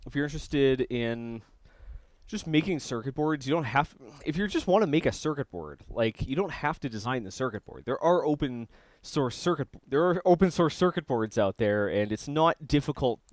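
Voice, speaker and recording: A man's voice: medium pitch, no room sound. A young man on a live stream, chatting casually while he works on a circuit board, rambling and restarting his sentences. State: eating while talking. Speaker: streamer building electronics.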